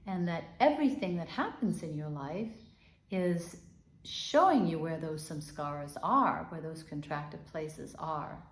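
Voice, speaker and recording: A gentle Danish woman, a healing and meditation teacher, leads a guided body-awareness talk. Her voice is deep and animated, and the room sounds roomy. She speaks gently and unhurriedly, repeating soft guiding phrases.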